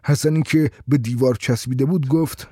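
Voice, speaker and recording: Husky, mellow male storyteller. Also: medium pitch, no room sound, studio quality. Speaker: narrator. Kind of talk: storytelling narration.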